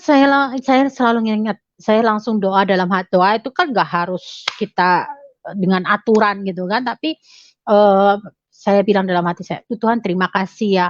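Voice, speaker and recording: A woman's voice: on the high side, dry recording. A woman giving a casual motivational talk to her audience, chatty and full of fillers and tag questions. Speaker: motivational speaker. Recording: dry, slightly dull lo-fi sound.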